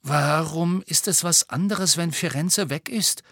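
A man's voice: fairly high pitch, a little slow, a bit bright, breathy edge, no room sound, clean studio sound, pitched above the performer's own voice, full character voice. A man voicing an anxious, clever teenage schoolgirl who asks timid, worried questions. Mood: anxious questioning.

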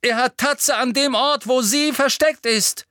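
A man's voice: mid-range voice, level tone, slow, darkish tone, no room sound, studio quality, natural voice. A man voicing a teenage boy who speaks in urgent, desperate outbursts.

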